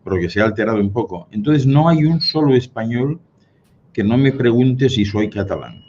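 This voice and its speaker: A man's voice: medium pitch, lively intonation, moderate pace, darkish tone. A man from Spain with a neutral Spanish accent, chatting as a guest and telling anecdotes with laughter. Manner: storytelling, chatty, laughs at his own jokes. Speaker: guest speaker. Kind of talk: casual conversation. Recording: dull lo-fi sound with faint noise.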